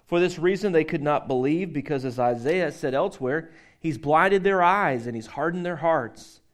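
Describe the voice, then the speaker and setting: A male pastor delivers a sermon in a loose, conversational way, joking with the people in front of him. His voice sits a little high for a man. He also reads scripture aloud. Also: moderate pace. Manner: conversational, joking with the congregation, frequent restarts.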